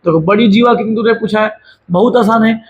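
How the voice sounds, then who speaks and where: A man's voice: sits high, fairly quick, highs cut off, slight background noise. A man teaching a maths lesson, chatty and scolding, mixing jokes and snatches of song into his explanations. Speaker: maths tutor.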